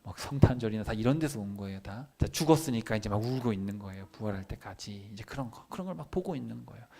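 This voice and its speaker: A man, a pastor, giving a children's sermon in church, animated and full of questions to his listeners. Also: on the low side, fast talker, creaky.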